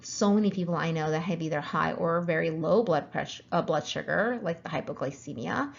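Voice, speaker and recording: Woman practitioner, low gravelly voice, explanatory with ums, slightly lo-fi audio. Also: brisk. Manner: explanatory, with frequent ums and self-corrections. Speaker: functional medicine practitioner. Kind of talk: educational health talk.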